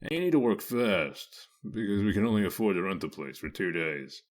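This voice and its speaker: A man playing a sardonic werewolf lawman in a comic dub, dry, deadpan and full of authority. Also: low-pitched, normal speed. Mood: brisk, commanding. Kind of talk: dramatic comic-dub voice acting.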